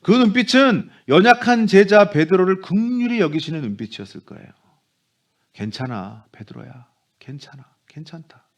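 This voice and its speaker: A man preaching a Sunday sermon as pastor, animated, dropping into soft low voices for quoted speech. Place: church sanctuary.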